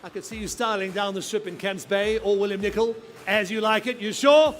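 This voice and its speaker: A man's voice: high voice, flat delivery, fairly quick, fairly bright tone, faint music behind. A man working as an auctioneer at a live sale, insistently urging bidders with repeated chanted bid calls.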